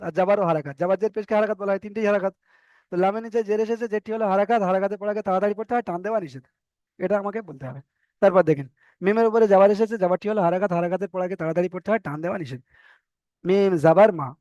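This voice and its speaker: High-pitched fast-talking male teacher on a call. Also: darkish tone, no echo, muffled recording. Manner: repetitive drilling explanation. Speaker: Quran reading teacher. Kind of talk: online class lesson. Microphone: video call.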